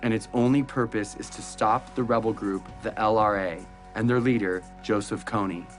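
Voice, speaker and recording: A man's voice: fairly low pitch, fairly even intonation, normal speed, faint music behind. A man giving earnest, urgent documentary narration.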